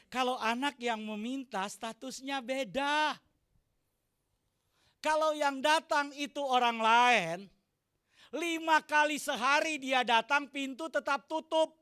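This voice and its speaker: A man preaches a sermon in a church hall. His voice sits very high and sounds forceful and bright. He rises to shouts for emphasis, then asks the congregation questions and jokes with them. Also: slow. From Indonesia. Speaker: pastor.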